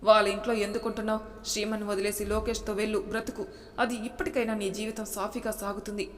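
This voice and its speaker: A woman's voice: medium pitch, little pitch movement, quick pace, close to an everyday voice. A woman voicing a stern, reproachful older mother in a storybook reading, in an echoing room. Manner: reproachful, lecturing. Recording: reverberant room with faint noise.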